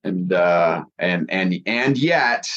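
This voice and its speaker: A man's voice: sits low, expressive, takes it slowly, a bit bright, highs cut off. Playful, chatty man hosting a talk. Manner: enthusiastic, playful, many restarts. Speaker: podcast host. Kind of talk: casual conversational interview.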